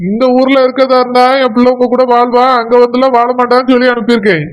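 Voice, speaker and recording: A woman voicing a stern, protective middle-aged village father who scolds in quick retorts, with a Kanyakumari accent. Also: a little high, flat delivery, muffled recording, lightly acted. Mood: indignant. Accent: Kanyakumari Tamil. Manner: indignant, scolding, rapid retorts. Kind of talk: village story voice acting.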